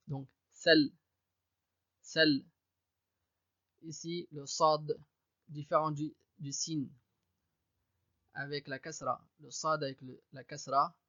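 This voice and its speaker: A man's voice: a little high, bright, forceful tone, dry recording, lo-fi sound. A man teaching Arabic reading, patiently sounding out each syllable and repeating it. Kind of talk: step-by-step reading lesson. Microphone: USB desk microphone.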